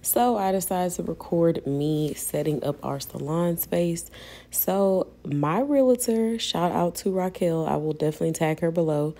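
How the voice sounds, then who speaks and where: Woman vlogger, young adult, low mellow voice, chatty, calls viewers y'all. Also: measured pace. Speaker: vlogger and hairstylist. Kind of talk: casual voice-over vlog narration.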